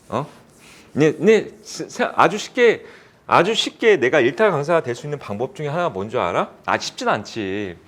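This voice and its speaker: A man tutoring math in a cram school classroom, explaining problems and chatting casually with his students, teasing them. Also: medium pitch. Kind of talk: classroom lecture with banter.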